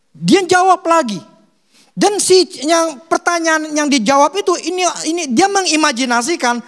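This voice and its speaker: A male pastor preaching, telling stories and acting out short quotes. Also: very high voice. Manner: animated storytelling with acted quotes; casual Jakarta slang (gue, lu). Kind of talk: sermon.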